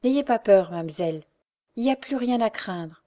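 A shy, kind working man, read by a female narrator, speaking in a gentle and plain way. He reassures softly in a read-aloud novel. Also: mid-range voice, animated, moderate pace, close to an everyday voice.

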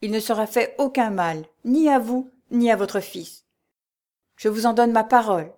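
A woman's voice: on the high side, lightly acted. Woman doing a stern disguised monk captain. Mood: commanding. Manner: slow, calm, stern. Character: calm commanding disguised male monk-captain.

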